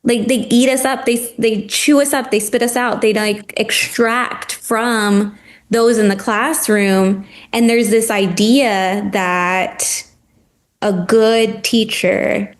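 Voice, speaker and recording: A former teacher appears as a guest on a casual podcast, speaking with passion and animation and saying "like" a lot. Her voice is a little high and she takes her time.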